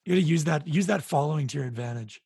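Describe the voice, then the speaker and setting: Gravelly, raspy male podcast host. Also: fairly high pitch, racing, a little mellow, dry recording, studio quality. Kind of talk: casual chat.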